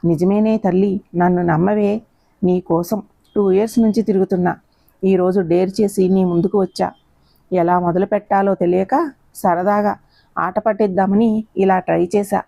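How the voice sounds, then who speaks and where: Woman doing a brash young man, storybook reading, dark gravelly tone, dry sound. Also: mid-range voice, fairly even intonation, normal speed, dry recording. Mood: pleading. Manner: scolding, then coaxing. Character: young man, brash then pleading suitor. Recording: dull lo-fi recording.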